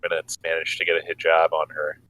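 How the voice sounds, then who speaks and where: A man's voice: very deep voice, monotone, a little fast, fairly bright tone, no room sound, rough recording. A man co-hosting a podcast, explaining news stories in a wry way with many hesitations. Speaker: podcast co-host. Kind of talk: casual political chat.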